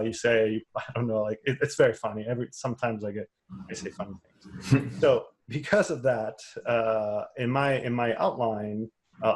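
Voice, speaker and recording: A course instructor who isn't a native English speaker teaches a webinar lecture conversationally, often restarting and repeating words. His voice is mid-range.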